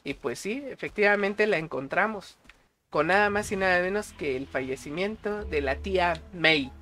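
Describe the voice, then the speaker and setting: Mexican guy streaming a film review, high voice, slangy and excitable, swears freely. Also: normal speed. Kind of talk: casual movie review stream.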